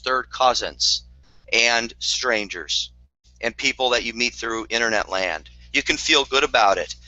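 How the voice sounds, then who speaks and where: A man's voice: medium pitch, sharp tone, no room sound. A man giving a motivational network marketing talk, earnest and repetitive, with dry sarcastic asides, on a dull lo-fi recording.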